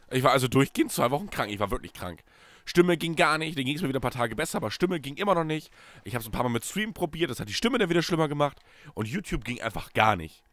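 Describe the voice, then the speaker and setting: A young German let's play host chats casually about his gameplay, his voice still hoarse from a cold. He swings between loud bursts and low mutters, and the recording is dry.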